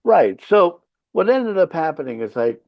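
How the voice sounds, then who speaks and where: Fairly high-pitched and sing-song, with vocal fry, he talks at normal speed over lo-fi sound. The speaker, a rock band leader from Finland whose first language is Swedish, chats casually as a podcast guest, blunt and foul-mouthed, emphatically pushing his points through stories.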